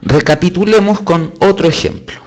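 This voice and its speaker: A man's voice: high voice, normal speed. A man with a Chilean accent teaching a live online lesson, explaining step by step with emphatic stresses and chatty asides. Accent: Chilean Spanish. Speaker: test-prep teacher.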